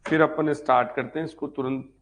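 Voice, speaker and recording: A man with a slightly high, steady voice teaches history fairly quickly in an informal live session geared toward an exam. His approach is instructive, with key points restated and frequent check-ins with students.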